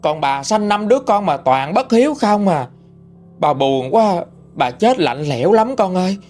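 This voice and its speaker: A man's voice: a little high, sing-song, moderate pace, darkish tone, soft background music. A man voicing the ghost of an old drowned woman speaking through a living woman, tearful and pleading. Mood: grieving, tearful.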